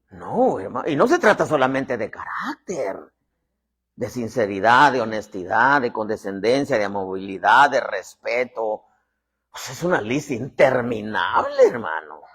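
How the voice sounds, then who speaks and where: A man's voice: medium pitch, a bit bright, slightly rough. A middle-aged man preaching a sermon in a folksy way, joking and having the congregation repeat phrases. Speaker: apostle preaching.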